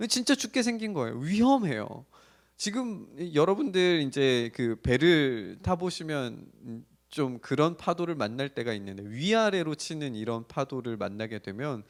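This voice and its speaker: A man preaching a sermon for an online church service, retelling a Bible story in an animated storytelling manner. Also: a little high, gravelly. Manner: animated storytelling, acting out the disciples' cries. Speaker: pastor.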